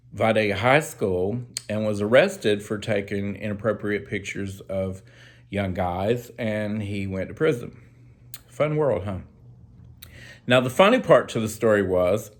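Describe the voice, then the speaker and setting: Southern man, low-pitched, rambling storyteller vlog, folksy asides. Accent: Southern American. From Southern United States. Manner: rambling, chatty, with fillers and asides. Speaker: storyteller vlogger. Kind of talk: casual personal storytelling.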